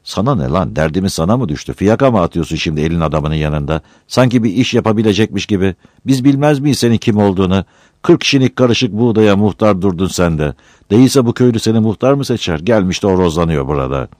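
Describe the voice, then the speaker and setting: A man voicing a poor, quick-tempered young villager who answers back scornfully. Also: low voice, lively intonation, darkish tone, no echo, clean studio sound, pitched above the performer's own voice. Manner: brash, scornful.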